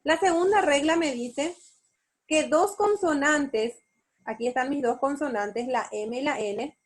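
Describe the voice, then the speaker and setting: A woman teacher with a Paraguayan Spanish accent, giving an online spelling lesson and explaining step by step with frequent check questions. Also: high voice. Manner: slow, explanatory, asks rhetorical check questions. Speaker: university teacher.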